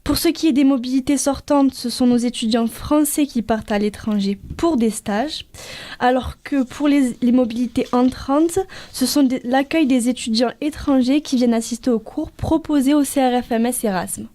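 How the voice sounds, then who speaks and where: A woman's voice: high-pitched, normal speed, dark tone. A woman giving a prepared explanation as a guest in a radio interview.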